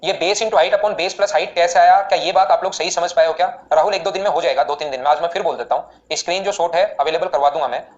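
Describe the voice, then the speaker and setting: A man teaching maths in a live online class, explaining steps rapidly and repeatedly asking students questions. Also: a little high, dull audio.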